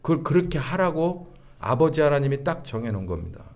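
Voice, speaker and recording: A middle-aged male pastor delivering a sermon slowly and deliberately, with frequent filler sounds between phrases. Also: a little high, sing-song, vocal fry, darkish tone.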